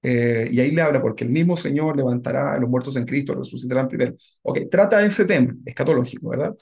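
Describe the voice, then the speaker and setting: Gravelly pastor asking "right?" as he teaches. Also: mid-range voice, quick pace, darkish tone. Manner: conversational, keeps asking the congregation "¿verdad?". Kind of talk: Bible teaching.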